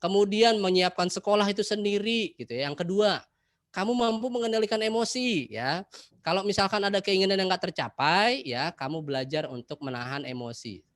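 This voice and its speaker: Lively man. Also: high-pitched, fairly quick, no echo. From Jakarta. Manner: lively, addresses children directly, acts out examples. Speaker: presenter for schoolchildren. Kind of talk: online class talk.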